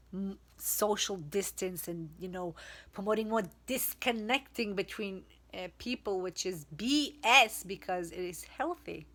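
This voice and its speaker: Slow, bright-voiced woman vlogging. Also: on the low side. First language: Hebrew. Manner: slow, searching for words, many fillers and restarts. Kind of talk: casual spiritual vlog monologue.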